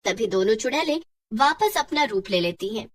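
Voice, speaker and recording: Cartoon narrator: woman, high voice, lively storyteller, slightly off-mic. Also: normal speed, slightly rough, distant mic.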